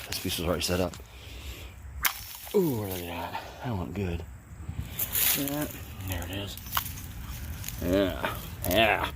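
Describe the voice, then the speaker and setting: A man's voice: deep voice, background noise. A man from the States, filming a playful outdoor vlog on a handheld phone and teasing the plants as he talks. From southern United States. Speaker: bladesmith hobbyist vlogger. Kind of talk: casual outdoor demo vlog. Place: outdoors in a bamboo grove.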